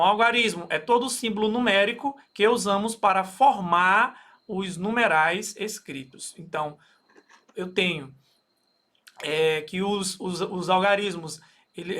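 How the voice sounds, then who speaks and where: A Brazilian man with a high, sharp-toned voice teaches math in a recorded lesson, his accent Brazilian Portuguese. He explains each step in turn, uses many fillers, and keeps checking with "okay?"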